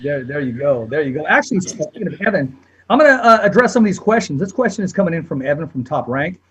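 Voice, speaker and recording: A man's voice: on the high side, big pitch swings, quick pace, a bit bright, breathy edge, low-quality recording. A middle-aged man hosting a casual interview over a video call. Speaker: interview show host. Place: small room at home, indoors.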